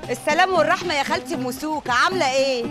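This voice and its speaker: A woman with an Egyptian accent, sweet-talking and flattering an older neighbor. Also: high-pitched, rapid-fire, music in the background, close to an everyday voice. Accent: Egyptian Arabic.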